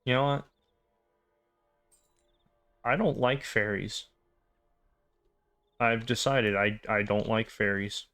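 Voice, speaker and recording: A man hosting a game playthrough with casual, wry, deadpan commentary and rambling asides. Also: fairly low pitch, slow pace, pauses often. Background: game music.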